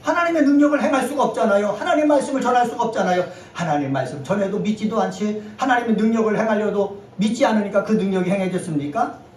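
A man's voice: high voice, fast. A male pastor preaching a Sunday sermon with emphatic swells and call-and-response lines for the congregation. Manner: emphatic preaching, rising to near-shouts at key points. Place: church sanctuary. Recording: echoey hall, voice from a distance, faint noise.

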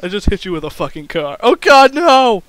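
High, excitable young man gaming. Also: moderate pace, no echo. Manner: excitable, yelps and shouts at the action. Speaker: gaming channel host. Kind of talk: casual gameplay commentary.

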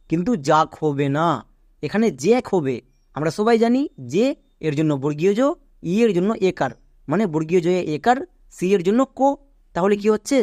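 A pronunciation teacher who spells English words out slowly, letter by letter, in an encouraging online lesson and often checks that learners are following. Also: mid-range voice, a little mellow, dry recording, studio quality. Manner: encouraging, asks learners quick check questions.

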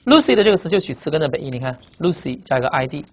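A man teaching English vocabulary in Mandarin, repeating each word and explaining it with memory tricks and a steady stream of filler sounds. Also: fairly high pitch, rapid-fire. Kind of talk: recorded vocabulary lesson.

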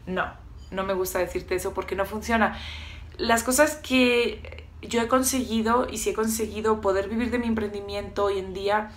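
Blunt tough-love woman coach. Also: mid-range voice. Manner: blunt tough-love advice, animated asides. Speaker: business coach and vlogger. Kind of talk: direct motivational vlog talk.

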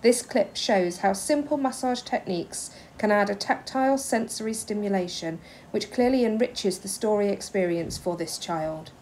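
A woman's voice: mid-range voice, normal speed, a little mellow, slight background noise, low-quality recording. A woman giving scripted, explanatory narration for an educational video.

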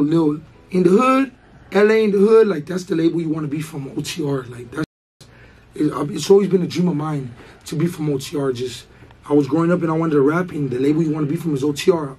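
A hoarse young man chats as an interview guest, rambling through slang, fillers and restarts. His voice is husky and a touch high, and it sits in a dark, mellow tone. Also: rough recording. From Baldwin Park, Los Angeles. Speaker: rapper guest. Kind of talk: casual interview chat.

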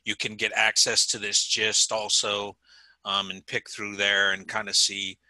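A man presenting a coding session over a video call, friendly and agreeable, clearing his throat from coughing fits. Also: on the low side, flat delivery, a little slow, sharp tone, dry recording, poor audio. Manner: friendly, agreeable, frequent brief acknowledgments. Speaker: meetup presenter.

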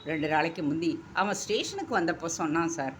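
A woman's voice: deep voice, animated, a little fast, a bit bright, a little hiss or hum. A woman voicing a polite male police officer who reports plainly and courteously. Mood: formal.

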